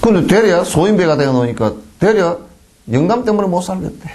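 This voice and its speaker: A man with a Gyeongsang Korean accent, a Buddhist monk giving a folksy dharma lecture in a temple hall, full of rhetorical questions and mimicked flattery. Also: high voice, fairly quick.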